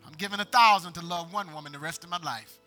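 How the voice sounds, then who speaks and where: High, bright-voiced man preaching. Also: quick pace, faint music behind. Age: middle-aged. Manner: preachy, calls on the congregation to answer; rising to emphatic, shouted peaks. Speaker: pastor. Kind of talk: call-and-response sermon.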